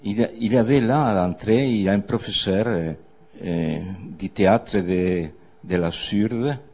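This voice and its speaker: A man's voice: on the low side, measured pace, a little mellow. An older man, a guest speaker on a theatre stage, telling meandering, wry anecdotes before an audience with frequent hesitations. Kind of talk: storytelling on stage.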